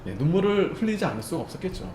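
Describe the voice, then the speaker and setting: A male pastor preaching a Sunday sermon in a conversational way, often checking in with the congregation and swinging between loud and soft as he acts out the story. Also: high-pitched, sing-song, very fast, a little hiss or hum. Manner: conversational, keeps checking with listeners. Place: church sanctuary. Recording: echoey church room, faint ambience.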